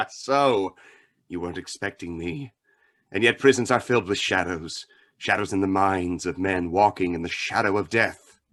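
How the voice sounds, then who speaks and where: A menacing, mind-reading avenger in a radio play. The voice is low yet forceful and sharp. He taunts theatrically, mocking and sure of himself, with pointed pauses. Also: lively intonation, full character voice. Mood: mocking, sinister. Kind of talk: old-time radio drama acting.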